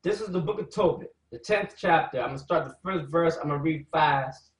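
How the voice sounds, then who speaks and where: A man reading scripture slowly to a group, then preaching loudly with crude, heated commentary. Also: a little high. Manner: reads verses slowly, then rants loudly with profanity. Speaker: scripture teacher. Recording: echoey room, far from the mic.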